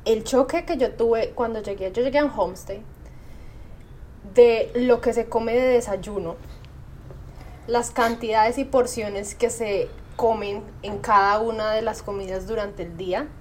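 A young adult woman with a Colombian accent, co-hosting a casual podcast and telling stories in an animated way. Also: on the high side, measured pace, a little hiss or hum. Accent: Colombian Spanish. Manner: chatty storyteller, animated. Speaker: podcast co-host.

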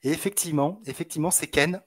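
A man's voice: on the high side, fast, a bit bright, no echo. A man co-hosting an online podcast, talking casually with many fillers and restarts. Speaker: podcast co-host.

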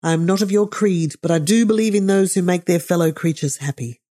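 A woman's voice: fairly low pitch, fairly quick, mellow, natural voice. A woman voicing a blunt old freethinking man. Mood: earnest. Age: older. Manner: blunt, declamatory. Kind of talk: audiobook character reading.

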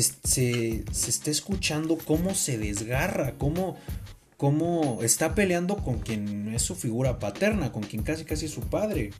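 Speaking in a mid-range voice, this man co-hosts a podcast with a Mexican accent. He's casual and expressive, full of slang and strong opinions.

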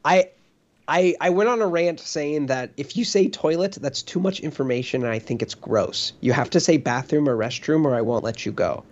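A man's voice: on the high side, moderate pace. A young man co-hosting a podcast in casual chat, telling stories about teaching English with lots of "like" fillers. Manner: animated storytelling, many "like" fillers. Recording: slightly dull lo-fi audio.

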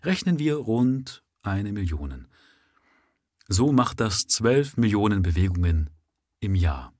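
A man voicing an exhausted young factory worker who speaks softly, calmly and without passion. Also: on the low side, a little slow, breathy edge, no echo, studio quality. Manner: calm, soft and passionless.

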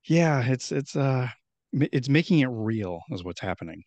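A man's voice: mid-range voice, sing-song, moderate pace, a little mellow, no echo, highs cut off. A man in his thirties hosting a podcast in a rambling, friendly way, with many restarts. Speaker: podcast host. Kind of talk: casual podcast chat.

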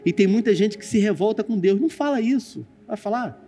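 A man preaching in a Brazilian Portuguese accent, his voice sitting a little high yet warm and mellow. He tells a personal story as part of a sermon, addressing the congregation directly with dramatic swings. Soft music plays faintly behind him. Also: expressive, brisk. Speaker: pastor. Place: church stage with screen.

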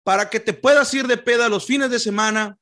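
A man's voice: very high-pitched, a little fast, a bit bright. A man playing an earnest populist politician, solemn and pleading, in a parody campaign speech.

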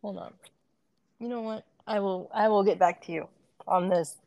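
Female podcast host, gravelly fry, informal conversational delivery, very dry sound. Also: medium pitch, steady tone, moderate pace, dark tone, dry recording, lo-fi sound. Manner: informal, frequent "like". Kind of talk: casual chat.

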